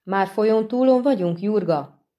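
A woman's voice: medium pitch, muffled recording, voice pushed up, lightly acted. A woman voicing a grim, terse monster hunter. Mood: brooding. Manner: terse, quiet, brooding. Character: grim, weary male monster-hunter swordsman. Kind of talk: audiobook reading.

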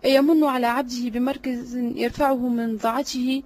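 A woman voicing a cunning, flattering male servant in an audiobook drama reading, obsequious and sly. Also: on the high side, moderate pace, natural voice.

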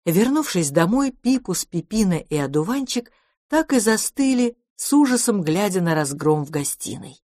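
A woman narrating a children's storybook in a lively, expressive way. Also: medium pitch, normal speed, dry recording, clean studio sound. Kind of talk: storybook reading.

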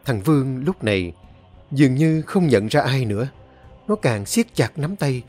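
Male horror narrator, dramatic and expressive, lively pitch, soft music under the voice. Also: unhurried. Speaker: storyteller. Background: faint music.

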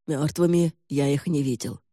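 A man's voice: on the high side, moderate pace, warm tone, dry recording, studio quality. A man voicing a curt, commanding old lord. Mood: irritated. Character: older gaunt male lord, curt and commanding.

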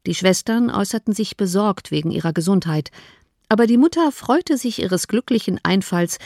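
A woman narrating an audiobook of a classic novel in an even, measured way. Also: mid-range voice, no room sound, studio quality.

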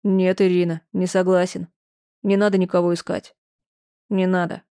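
A tired father in an audiobook who speaks low and firmly, holding back, read by a woman. His lines come softly and evenly, with a warm, mellow tone. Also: level tone, moderate pace, clear, resonant tone, no room sound, studio quality, close to an everyday voice. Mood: weary. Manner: quiet, tired, restrained. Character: weary quiet father, firm.

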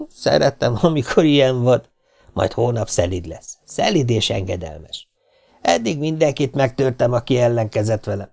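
Guy reading an audiobook doing a mean mocking bandit boss, gravelly voice, slow and smug. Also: mid-range voice, animated, a little mellow. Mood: menacing. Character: menacing male bandit leader, mocking and cruel.

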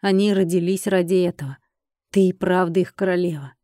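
A woman voicing a calm, gloomy male dragon in human form, speaking low and slowly. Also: no echo, clean studio sound, natural voice.

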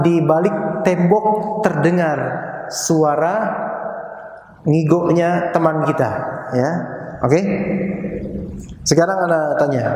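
Lively man teaching in an echoey hall. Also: a little high. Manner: lively, asks the audience questions. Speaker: Islamic teacher. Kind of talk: recorded religious study lesson. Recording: echoey hall with faint noise.

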